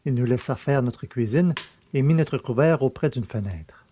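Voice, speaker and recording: A man reading a classic novel aloud as an audiobook narrator, in a measured literary manner. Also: medium pitch, lively intonation, dark tone, a little hiss or hum.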